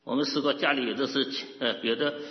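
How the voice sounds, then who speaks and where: A male pastor preaching a sermon, animated, asking the listeners questions and laughing often. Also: mid-range voice, fairly quick. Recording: echoey hall, dull lo-fi sound.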